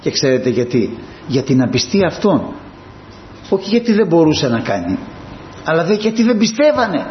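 A man's voice: big pitch swings, long pauses. Impassioned male preacher in an echoey church. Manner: impassioned, swings from hushed asides to high emphatic peaks. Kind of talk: sermon. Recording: dull, roomy and slightly noisy.

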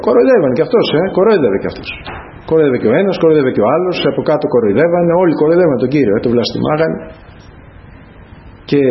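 A man preaching a sermon to a congregation, speaking earnestly and addressing them again and again as brothers. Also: a little high. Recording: dull lo-fi sound with faint noise.

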